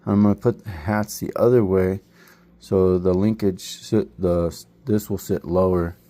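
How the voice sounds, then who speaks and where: A man's voice: sits low, steady tone, measured pace, mellow. A man vlogging a casual model car build walkthrough, just woken up, rambling and searching for words. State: just woke up. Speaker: RC hobby vlogger.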